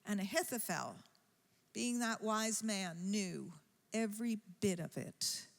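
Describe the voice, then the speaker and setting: A woman preaching a sermon in a church, telling a story slowly and with rising emphasis. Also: mid-range voice, expressive, creaky. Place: church sanctuary. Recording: long church-hall reverb.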